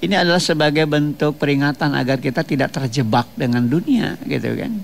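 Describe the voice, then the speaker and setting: A man preaching a radio sermon in a measured, explanatory way, often repeating phrases and ending them with tag questions. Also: fairly high pitch, vocal fry. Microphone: radio studio microphone.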